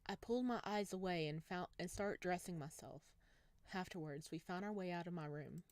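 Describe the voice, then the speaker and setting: A woman's voice: on the low side, a little fast, a little mellow, dry recording. A woman let's player reading visual novel narration aloud and breaking off into casual commentary. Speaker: let's play streamer. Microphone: wearing headphones.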